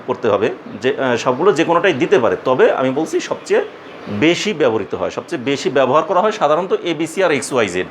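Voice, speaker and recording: A man at a middle pitch teaches a math lesson to young students. He explains patiently, repeats himself often and stops to ask whether they follow. A faint air conditioner hum sits under his voice. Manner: patient, repetitive explaining with frequent fillers and questions.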